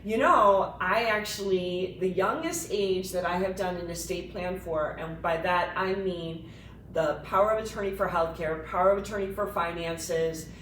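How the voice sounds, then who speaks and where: Woman attorney, co-host, animated explainer; echoey room, off-mic, faint rumble. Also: normal speed, far from the mic. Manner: explanatory, animated, laughs easily. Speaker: estate planning attorney, co-host. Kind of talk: casual professional discussion.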